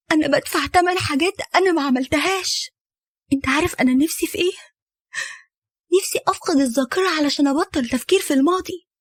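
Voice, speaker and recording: A woman's voice: very high-pitched, dry recording, clean studio sound. A woman voicing a heartbroken young woman with an Egyptian accent who speaks with pleading and reproach. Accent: Egyptian Arabic.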